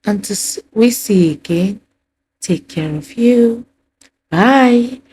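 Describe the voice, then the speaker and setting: Slow, mellow-voiced woman vlogger. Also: medium pitch, lively intonation, a little hiss or hum. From resident of Qatar. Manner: slow, warm-hearted, with drawn-out phrases and soft laughs. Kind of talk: casual vlog narration. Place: out and about in rainy weather.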